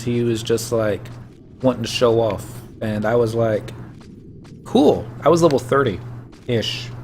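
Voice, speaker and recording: A man chatting loosely while he plays, drifting from one old game story to the next. His voice sits at an ordinary middle pitch, and a faint hiss runs under it. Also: darkish tone. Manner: rambling, anecdotal storytelling. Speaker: gameplay streamer. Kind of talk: casual gameplay commentary.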